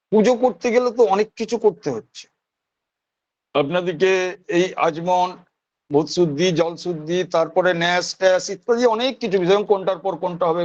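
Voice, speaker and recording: A man's voice: high-pitched, dull audio. A man with a West Bengal accent teaching priestly rites in an online class. He explains step by step and repeats single sounds to show how they are pronounced.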